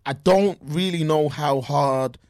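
A talkative man, his voice sitting a little high for a man. He gives his opinions casually and often restarts his sentences. The sound is dry and close, with almost no room echo. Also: slow pace, darkish tone. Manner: opinionated, chatty, frequent restarts. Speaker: podcast co-host. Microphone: remote call audio.

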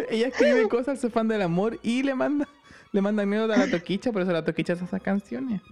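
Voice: medium pitch, animated, vocal fry, a little mellow. A Chilean podcast co-host with a mid-range voice chats and teases, laughing easily and throwing in local slang. Faint music plays in the background. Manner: teasing, quick to laugh. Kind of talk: casual chat.

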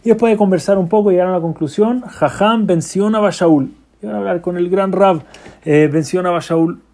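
A man's voice: high-pitched, a little fast, darkish tone. A man giving a storytelling religious talk, slipping Hebrew and English phrases into his speech.

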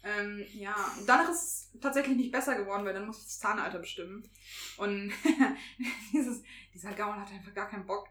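A young woman, a veterinary student, casually telling an animated story, acting out what people said and swearing now and then. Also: medium pitch, fairly quick. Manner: animated storyteller, acts out quotes, laughs, swears. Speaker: veterinary student, podcast co-host. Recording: roomy, echoey room.

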